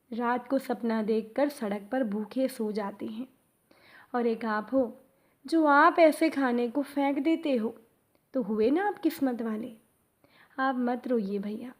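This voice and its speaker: A woman voicing a hungry little street boy who pleads softly and tearfully. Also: high voice.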